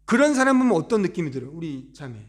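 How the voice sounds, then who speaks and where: A male pastor teaches his congregation in a relaxed, conversational way. His voice sits high and moves up and down a lot. He asks the listeners questions and slips into quoted voices as he goes. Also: fast. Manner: acts out quoted voices in dialogue. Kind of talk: sermon seminar teaching. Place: church.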